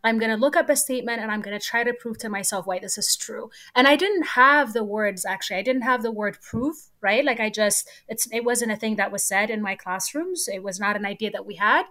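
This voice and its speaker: A woman's voice: fairly high pitch, a little fast, few pauses, bright, forceful tone. A young woman from Ethiopia, a computer scientist, talking animatedly and laughing often in an interview. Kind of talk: casual interview talk.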